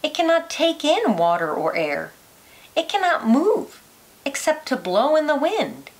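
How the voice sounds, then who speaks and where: A woman with a high-pitched voice and big swings in pitch reads an educational picture book to young children, taking a teacher's careful, deliberate approach to each line.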